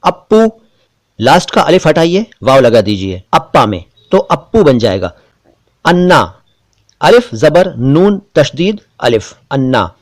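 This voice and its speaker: A man, hosting a spelling lesson and explaining words slowly and carefully, letter by letter. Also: fairly high pitch, very animated. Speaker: Urdu language teacher.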